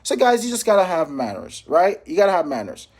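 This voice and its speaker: Brisk, very animated and a little mellow, this high voice belongs to a Jamaican financial professional coaching sales calls. He runs an informal motivational training talk with role-played phone examples, repeating key phrases emphatically and checking in with his listeners.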